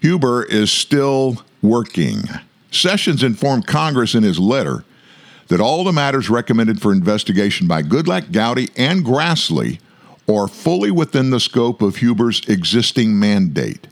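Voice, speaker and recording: A man hosting an online political news commentary show, speaking emphatically with drawn-out stresses and asides to his listeners. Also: mid-range voice, big pitch swings.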